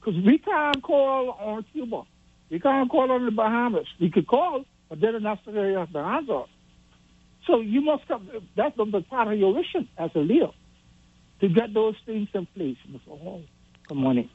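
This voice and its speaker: A radio caller speaking in a halting way, with frequent restarts, heard over a phone line. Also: mid-range voice, lively intonation, dry recording. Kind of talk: call-in opinion. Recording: husky, dry phone line.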